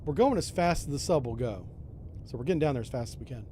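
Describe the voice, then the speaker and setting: A man's voice: medium pitch, animated, fast, mellow, a little hiss or hum. A man doing casual commentary on a submarine game, thinking aloud with mild exclamations. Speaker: gamer, host.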